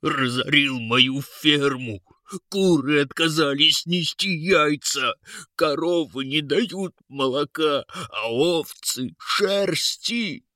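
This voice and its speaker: A man voicing a burly, angry male farmer who talks gruffly and slowly, with a complaining drawl. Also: fairly high pitch, sharp tone, no room sound, clean studio sound, voice pushed up. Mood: lamenting.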